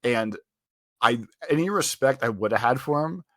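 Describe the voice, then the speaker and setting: A man's voice: mid-range voice, animated, normal speed, pushed and bright, no echo, studio quality. A man co-hosting a podcast, telling a long story in casual chat, full of "like" fillers and rambling. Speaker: podcast co-host.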